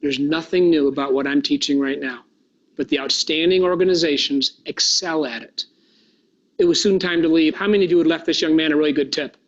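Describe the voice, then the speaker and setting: A workshop speaker gives a motivational talk, telling a story with animated delivery and asking the audience questions. His voice is on the high side and fairly quick, and the recording sounds muffled.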